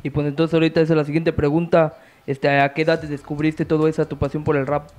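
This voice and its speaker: A man's voice: on the high side, level tone, fast talker, darkish tone, slight background noise. A young man hosting a casual interview in a small music studio. He asks questions with many hesitant fillers, speaking into a handheld mic. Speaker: interview host.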